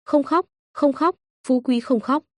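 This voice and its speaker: A woman's voice: sits high, unhurried, no echo, voice pushed up. A woman voicing a cowardly middle-aged male swindler who panics, pleads and sobs. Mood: pleading.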